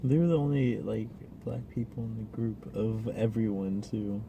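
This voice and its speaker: Male co-host, lowish voice, quick interjections, clear hiss under the recording. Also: fairly even intonation, lo-fi sound. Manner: short interjections, laughs along. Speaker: podcast co-host. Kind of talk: casual chat. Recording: audible background noise.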